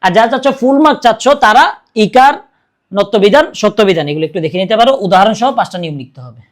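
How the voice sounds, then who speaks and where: A man's voice: high-pitched, quick pace. A young man teaching a casual exam-prep video lesson. He keeps checking in with his students and answers his own questions in a coaxing, friendly way.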